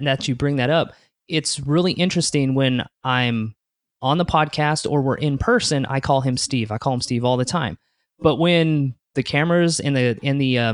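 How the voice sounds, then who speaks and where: A man's voice: medium pitch, dry recording, clean studio sound. A man answering interview questions about his podcast in an earnest, upbeat way, often restarting his sentences. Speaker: podcast co-host, interview guest.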